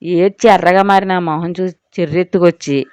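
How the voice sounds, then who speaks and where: A woman reads a scripted audio story in an expressive way. Her voice sits low and comes across smooth and crisp. The recording is dry and close. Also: brisk, no echo. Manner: expressive reading.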